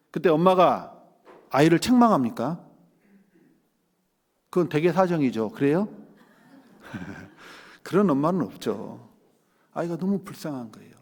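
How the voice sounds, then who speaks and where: Lively male preacher in a reverberant church. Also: on the high side. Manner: lively preaching with rhetorical questions to the congregation. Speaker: pastor. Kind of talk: sermon. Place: church sanctuary.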